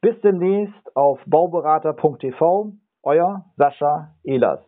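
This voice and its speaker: A man's voice: a little high, unhurried. A middle-aged man, an energy and building consultant, introducing his own channel in an earnest, explanatory way, counting off his points and now and then correcting a slip. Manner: occasional slips and self-corrections. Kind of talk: self-recorded channel introduction. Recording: narrow, phone-like audio.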